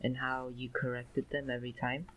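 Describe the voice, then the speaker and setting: A man's voice: mid-range voice, completely flat delivery, moderate pace, fairly bright tone, slight background noise, low-quality recording. A teenage boy co-hosting a podcast over a video call, teasing and giggly. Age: teens. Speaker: podcast co-host. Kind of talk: casual chat.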